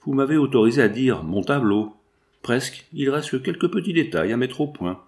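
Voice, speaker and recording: A man voicing a calm, watchful male painter who explains things in a measured, deliberate way. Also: mid-range voice, lightly acted.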